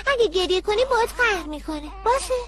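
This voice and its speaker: A woman's voice: extremely high pitch, expressive, fairly bright tone. A woman voicing a small girl who sweetly coaxes her crying baby brother in a dubbed television drama. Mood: coaxing. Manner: sweet and coaxing.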